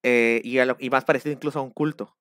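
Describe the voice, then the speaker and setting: A man with a Mexican accent talking casually on a live stream, rambling and animated. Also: mid-range voice, fast talker, clean tone, dry recording, clean studio sound. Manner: rambling, animated, acts out shouted quotes.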